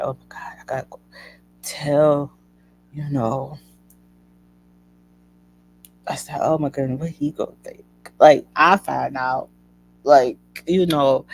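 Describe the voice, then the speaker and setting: Gravelly-voiced woman telling a personal story. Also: a bass voice, darkish tone, slight background noise, poor audio. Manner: chatty, addresses listeners as "y'all". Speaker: host. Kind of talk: casual personal storytelling to an audience.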